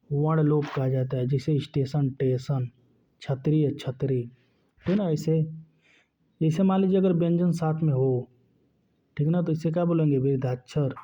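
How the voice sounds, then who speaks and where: A man teaching a lesson at a slightly higher pitch than most men. He asks questions and answers them himself, checking in with his listeners over and over. The recording sounds dull and lo-fi. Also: fairly even intonation, moderate pace, dark tone. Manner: keeps asking and answering his own questions, repeating "ठीक ना". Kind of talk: classroom lecture.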